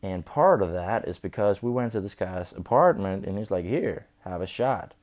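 Drunk, slurring man rambling, deep and mellow. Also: animated, moderate pace. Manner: loose, profane, chatty. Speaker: vlogger. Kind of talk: rambling storytelling.

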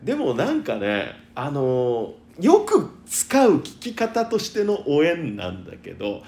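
A man's voice: medium pitch, huge pitch swings, a little slow, creaky, darkish tone, roomy sound. A man co-hosting a podcast in casual, playful chat, laughing often. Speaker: podcast co-host.

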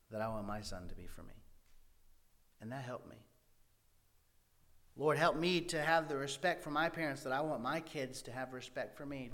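A man preaching a sermon to young people, speaking emphatically with swings between loud and hushed delivery. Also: mid-range voice.

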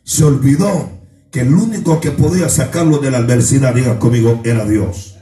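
A man preaching as pastor, leading call-and-response and breaking into shouted, sung lines. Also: mid-range voice, normal speed. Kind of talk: sermon. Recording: echoey room from far off, music behind.

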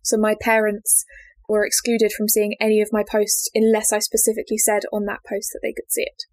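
A woman's voice: mid-range voice, completely flat delivery, fairly quick, a little mellow. A young woman co-hosting a casual chat, telling stories and laughing often. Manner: chatty, laughs often, acts out quoted family members. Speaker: podcast co-host.

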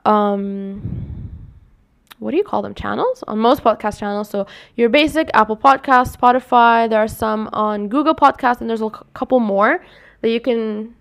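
Speaking at a normal speed in a gravelly register, this young woman runs a casual podcast on her own. Her somewhat scratchy voice deepens over long stretches, and she wanders, fixes her own slips, and closes cheerfully.

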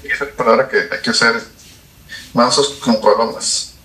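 A man chats as an interviewer, his voice bright and forceful. The room around him rings with echo. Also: mid-range voice, steady tone, normal speed. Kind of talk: casual conversation. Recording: echoey room.

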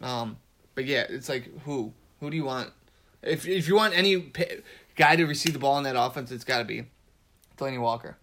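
A man's voice: medium pitch, brisk, a bit bright. A man co-hosting a casual fantasy football chat, with blunt, joking, slangy banter. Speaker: podcast co-host.

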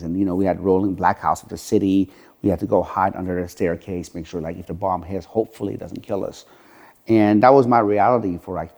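A middle-aged Iranian man who owns a gym franchise tells his life story as a podcast guest. His low-pitched voice is creaky and dark-toned, and he speaks earnestly in an interview-storytelling style, using "you know" a lot.

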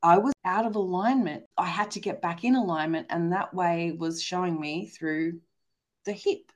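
Lively, low-pitched Australian woman guest. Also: moderate pace. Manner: animated, acts out inner dialogue in voices. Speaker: podcast guest. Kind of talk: casual spiritual chat.

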